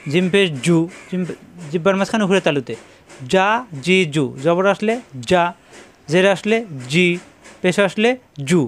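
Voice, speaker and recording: A man teaching letter pronunciation, repeating syllables slowly and instructively, with a Bangladeshi Bengali accent. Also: sits high. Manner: repetitive, instructive, drawn-out syllables. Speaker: Quran reading teacher. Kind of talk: slow drilled pronunciation lesson.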